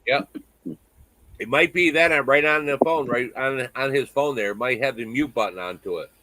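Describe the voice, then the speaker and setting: A man's voice: mid-range voice, normal speed, bright, forceful tone, no echo, rough recording. A man in his sixties hosting a casual livestream chat from home on a video call, talking in a friendly, rambling way with many restarts. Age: 60s. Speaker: livestream host.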